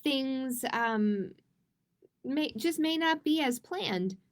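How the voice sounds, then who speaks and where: At a children's storytime, a librarian reads picture books aloud in a high voice with lively intonation. She goes slowly and deliberately, speaking directly to the young listeners in front of her.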